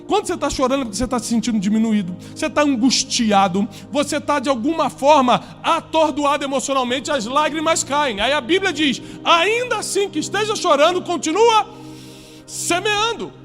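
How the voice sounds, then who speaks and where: A man preaching to a live congregation in a high, ringing voice. He speaks emphatically, swinging between loud climaxes and low, quiet stretches. Soft music plays faintly underneath. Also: a little fast, few pauses. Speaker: pastor.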